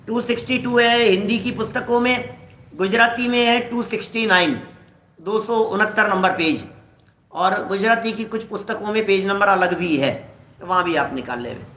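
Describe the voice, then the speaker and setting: A man's voice: high-pitched, moderate pace, sharp tone, reverberant. A middle-aged man teaching a scripture class in a conversational way, explaining with everyday examples and acting out quoted dialogue. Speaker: religious teacher.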